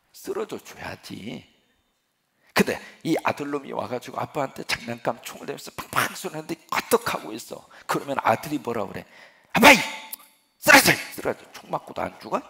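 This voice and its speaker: A male pastor preaches with a deeply gravelly, fry-laden voice. His pitch rises and falls in a lively way as he poses rhetorical questions and answers them. The delivery is animated and earnest. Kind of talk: sermon.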